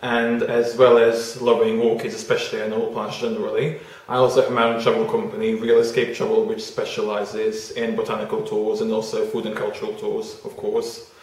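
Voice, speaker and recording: A man's voice: lowish voice, monotone, fairly quick, hardly any pauses. A man from Bosnia and Herzegovina, a guest cook, explaining a kitchen demonstration step by step. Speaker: guest cook and orchid judge. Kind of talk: casual demonstration. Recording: roomy, faint noise.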